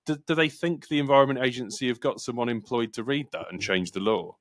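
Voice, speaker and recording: An English man hosting a casual podcast, talking in an animated, argumentative way and acting out quoted voices. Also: medium pitch, fast. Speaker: podcast host.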